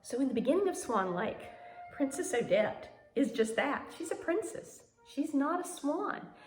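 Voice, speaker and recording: This ballet mime teacher speaks at normal speed in a high, very animated voice, spinning theatrical stories and urging learners to follow. Her demonstrative dance lesson talks viewers through gestures, with strong room echo and background music.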